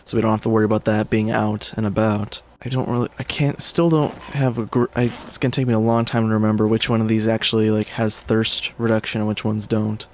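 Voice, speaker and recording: A man's voice: fairly low pitch, level tone, fairly quick, few pauses. A man giving casual let's-play commentary as a gaming creator, rambling and correcting himself, swearing when things go wrong. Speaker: gaming YouTuber.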